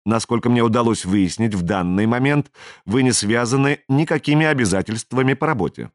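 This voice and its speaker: A man voicing a businesslike alien stranger in an audiobook, speaking in a measured, persuasive and authoritative way. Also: mid-range voice, dry recording, studio quality, lightly acted. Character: smooth, businesslike male alien stranger, commanding. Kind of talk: audiobook character reading.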